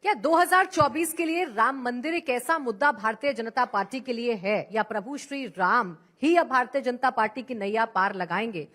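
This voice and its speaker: A woman's voice: on the high side, normal speed, hardly any pauses, fairly bright tone. Direct woman news interviewer. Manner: direct, pointed questioning.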